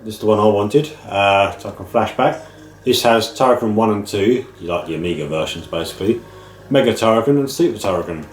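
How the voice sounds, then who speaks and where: Low-voiced British man with a nasal cold. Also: fairly quick. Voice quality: slightly nasal, bunged up with a cold. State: man flu, a head cold. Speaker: host of a video game pick-ups channel. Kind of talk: casual chat to camera. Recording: roomy echo, music underneath. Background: music.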